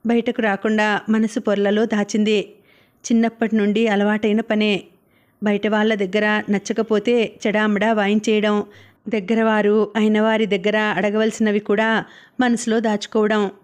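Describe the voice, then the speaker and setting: A woman reading a novel aloud as an audiobook narrator, with steady storytelling. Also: mid-range voice, moderate pace.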